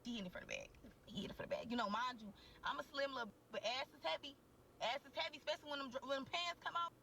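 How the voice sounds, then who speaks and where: A young woman on a podcast, telling a candid story in a crude, slangy, animated way and talking straight to the listeners. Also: high-pitched, rapid-fire, slight background noise. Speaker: podcast co-host. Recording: voice a bit distant from the mic.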